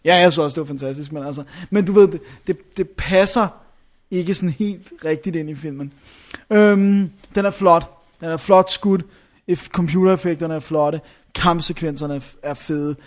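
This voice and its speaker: A young man talks through a movie in a loose, casual chat, his voice sitting fairly high. He rambles, hunts for names and leans on fillers as he goes. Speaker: film reviewer.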